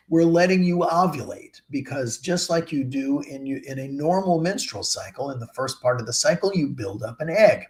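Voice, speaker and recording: A man, a fertility doctor, explaining answers to viewer questions on a live show, with many ums and restarts. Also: mid-range voice. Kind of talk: live Q&A chat.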